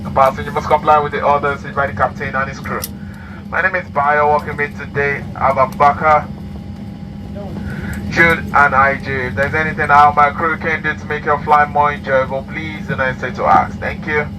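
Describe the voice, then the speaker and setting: A man's voice: on the high side, level tone, moderate pace. A man, a flight attendant reading a formal welcome announcement over the cabin PA. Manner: formal, recited. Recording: distant cabin PA with engine noise.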